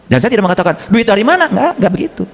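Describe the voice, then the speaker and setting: A middle-aged male religious teacher gives a brisk, lively sermon. His voice is fairly high and swoops widely as he quizzes his listeners. A long hall reverb trails behind every phrase. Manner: animated, asks the audience questions and acts out dialogues. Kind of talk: informal sermon to a congregation.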